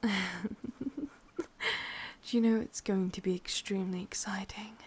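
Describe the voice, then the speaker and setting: Breathy and menacingly sweet, this English-accented woman teases her way through a whispered ASMR roleplay as a sadistic, possessive witch. Her voice is mid-range and steady, a little slow and darkish in tone, with a teasing, cruel mood.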